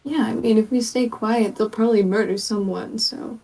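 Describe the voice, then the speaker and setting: A flustered woman player talks in character at a tabletop game, loud and hurried. Her high voice is mellow with gravelly fry, and she sounds distant from the mic. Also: steady tone. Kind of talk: in-character tabletop role-play. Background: faint background music.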